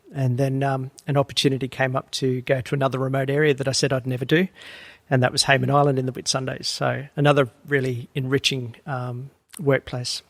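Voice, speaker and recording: Gravelly Australian man, dry close sound. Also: mid-range voice, no room sound. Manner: relaxed, storytelling, frequent ums and uhs. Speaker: guest, HR executive. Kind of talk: conversational podcast interview.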